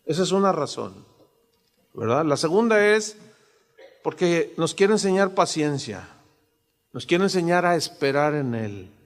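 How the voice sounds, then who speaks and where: Mexican pastor preaching in an echoing hall. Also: male voice, fairly high pitch, big pitch swings, measured pace, long pauses. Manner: conversational preaching with rhetorical questions. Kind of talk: sermon. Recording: long hall reverb.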